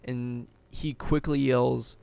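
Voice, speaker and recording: A man's voice: mid-range voice, little pitch movement, slow pace, gravelly, mellow, clear, resonant tone, no echo. A man narrating a tabletop game as game master, loose and full of fillers.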